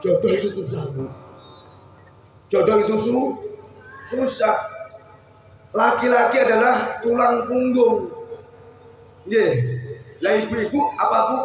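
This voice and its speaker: Javanese male preacher, very high and unhurried, teasing the congregation between sung lines; heavy echo. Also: a bit bright, slight background noise. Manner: jokes and quizzes the audience, breaks into slow sung refrains. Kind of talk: humorous sermon with sung verses. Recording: echoey far-off hall mic with music. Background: music band.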